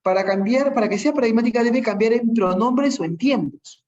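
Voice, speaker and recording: A teacher speaking with a Peruvian Spanish accent gives an online class in a mid-range, darkish voice at normal speed, with dull audio. The teaching is patient, full of examples, and punctuated by frequent tag questions to check in.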